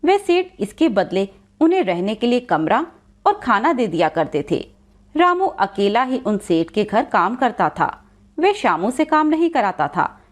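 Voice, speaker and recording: A woman telling a moral story with lively, expressive narration. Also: mid-range voice.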